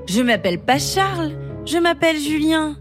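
A woman voicing a young boy in a storybook reading, childlike and a bit hurried. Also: high-pitched, animated, voice pushed up. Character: young boy, impatient, then mischievous. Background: music.

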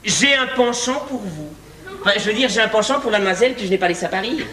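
Bright-voiced, flustered young suitor. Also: male voice, sits high, lively intonation, fast talker, a little hiss or hum. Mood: awkward. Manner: hesitant, stammering. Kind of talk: stage comedy acting. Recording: echoey stage, distant mic.

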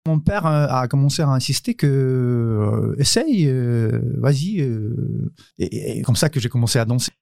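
A man's voice: mid-range voice, lively intonation, unhurried, gravelly, darkish tone, no room sound, studio quality. A man in his thirties with a Ukrainian accent, a dancer answering interview questions, hesitant, with many fillers and restarts as he searches for words. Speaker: guest, cabaret dancer. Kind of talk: podcast interview.

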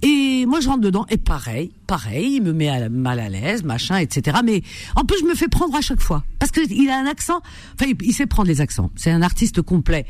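A woman hosting a radio call-in show, animated and teasing, laughing often with callers. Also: mid-range voice, fairly quick, no echo. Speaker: radio host. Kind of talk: lively radio call-in chat.

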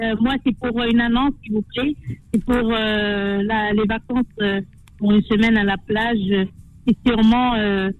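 A woman's voice: medium pitch, narrow, tinny audio. Woman caller in a shopping centre, hesitant, polite, faint music around. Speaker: radio caller.

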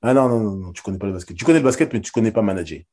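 A man with a low, dark, husky voice tells stories casually. He is a former basketball player who talks loosely and emphatically, with lots of slang and repeated words. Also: racing. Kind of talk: casual storytelling.

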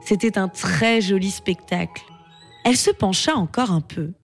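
A woman narrating a children's story in a slow, expressive reading voice. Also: medium pitch, gravelly, faint music behind.

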